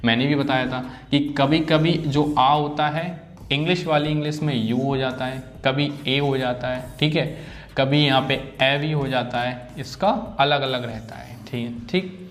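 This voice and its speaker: A man's voice: medium pitch, steady tone, unhurried. A man teaching an English phonics lesson, repeating example words and often checking in with his students.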